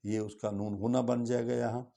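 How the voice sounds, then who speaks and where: A middle-aged man teaching Quran recitation rules, explaining each letter plainly and then reciting the verses slowly and drawn out. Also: medium pitch, little pitch movement, vocal fry, warm tone. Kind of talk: tajweed lesson with slow chanted recitation.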